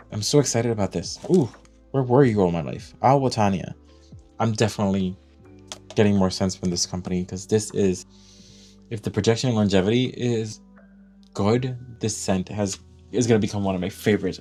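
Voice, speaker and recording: An excitable man unboxing fragrances and gushing over each one as he thinks aloud. His voice sits low and mellow, with soft music playing behind him. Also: normal speed. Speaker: fragrance reviewer.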